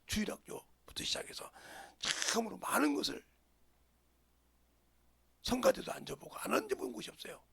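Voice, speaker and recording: A male pastor from the region, preaching a sermon in an animated way and dropping into whispers for emphasis. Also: very high voice, normal speed, gravelly, pauses often, slightly rough. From Jeolla, Korea.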